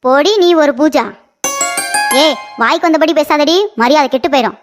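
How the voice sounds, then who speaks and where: A woman voicing a sharp-tongued, combative middle-aged mother of the bride in a comic cartoon. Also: sits high, moderate pace, music in the background, close to an everyday voice. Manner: combative, mocking.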